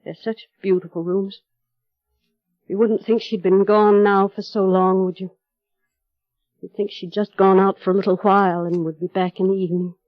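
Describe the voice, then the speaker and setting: A mid-range female voice with little pitch movement and no echo, close to an everyday voice, plays an obsessive housekeeper loyal to her dead mistress. The 1930s radio drama performance is slow, deliberate and coldly insinuating. It comes from a muffled old radio recording with music.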